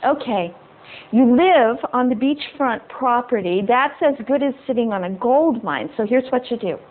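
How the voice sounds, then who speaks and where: A woman's voice: animated, moderate pace. A woman voicing a brash, sarcastic enchanted female groundhog who scolds in a brassy, exasperated way. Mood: practical. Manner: brassy and exasperated, pitch jumping high. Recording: tinny phone-like sound.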